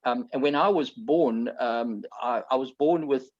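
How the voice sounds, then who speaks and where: A middle-aged man from Zambia, a founder telling his life story in a relaxed, rambling way, often repeating words and saying "okay". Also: medium pitch, a little slow, highs cut off. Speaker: founder being interviewed. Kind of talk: conversational storytelling.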